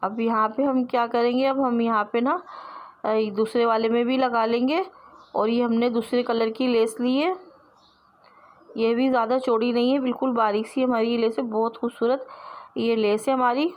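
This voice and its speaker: A woman's voice: a little high, little pitch movement, normal speed, lo-fi sound. A woman teaching sewing step by step, explaining patiently and repeating herself as she works with her hands.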